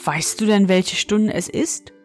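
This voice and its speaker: A woman's voice: mid-range voice, a little slow, soft background music, lightly acted. Storybook old woman, stern and commanding but kind underneath, voiced by a woman narrator. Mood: firm. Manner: firm, commanding. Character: mysterious old woman, stern yet kindly.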